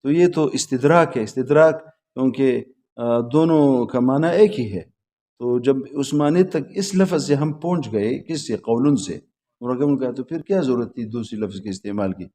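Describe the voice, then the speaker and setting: A man's voice: mid-range voice, dark tone. A male teacher giving a classroom lecture on logic at a religious school, quizzing his students and repeating their answers back to them in a patient, repetitive way.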